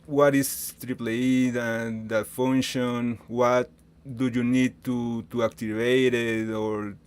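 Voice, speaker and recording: A man speaking as an asks questions over a voice call. He talks slowly and haltingly, stopping often to search for words. His voice is smooth and clear, with medium pitch. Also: level tone. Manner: hesitant, halting, many fillers and restarts. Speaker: interviewer asking questions. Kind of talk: casual voice-chat Q&A. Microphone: computer mic on voice call.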